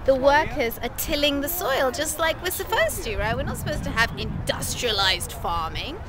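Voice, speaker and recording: A woman's voice: sits high, big pitch swings, normal speed. A woman in her forties hosting a casual vlog at a farm, talking enthusiastically to a camera held at arm's length. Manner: enthusiastic, effusive. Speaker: vlog host. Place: outdoors on a busy farm. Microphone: handheld camera at arm's length. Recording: noisy outdoor camera audio with crowd. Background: crowd chatter and outdoor noise.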